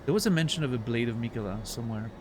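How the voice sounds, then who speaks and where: A man whose first language is French chats casually on a livestream as he plays, thinking out loud and answering chat with playful mock outrage. His mid-range voice races along over background noise.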